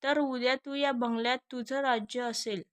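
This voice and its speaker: A woman's voice: a little high, steady tone, moderate pace, a bit bright, no echo, natural voice. A woman reading a smug, greedy older man. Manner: smug, coaxing. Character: older man, greedy father-in-law type.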